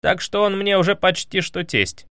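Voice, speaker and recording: A man's voice: sits high, moderate pace, fairly bright tone, no room sound, clean studio sound, pitched above the performer's own voice. Man doing a boastful lovesick young suitor. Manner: folksy old-fashioned speech.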